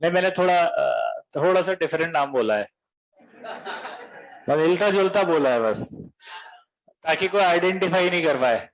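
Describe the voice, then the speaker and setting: A man's voice: a little high, expressive, unhurried, pauses often, rough recording. A man teaching a coaching class, teasing his students in a chatty lecture.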